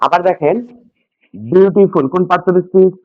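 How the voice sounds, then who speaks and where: A man's voice: high-pitched, lively intonation, fairly quick, no echo. A man teaching English grammar to a class, repeating key points and asking students questions. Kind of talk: classroom lesson with call-and-response. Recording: dull, dry lo-fi sound.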